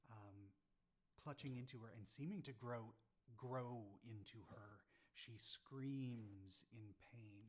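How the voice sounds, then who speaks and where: A man narrating as game master of a tabletop game, halting and full of ums and restarts as he describes the scene. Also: medium pitch.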